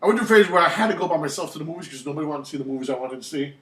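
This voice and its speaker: A New York podcast host with a fairly high-pitched voice tells rambling film stories in rapid-fire casual chat, animated and full of restarts. He's far from the mic, with a roomy echo and crowd noise.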